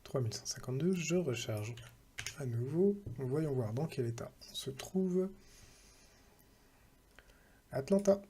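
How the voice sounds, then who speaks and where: A man's voice: mid-range voice, lively intonation, a little slow, pauses often, mellow, a little hiss or hum. A man talking casually through a screen-recorded tech tutorial, thinking aloud and reading out numbers with hesitant fillers.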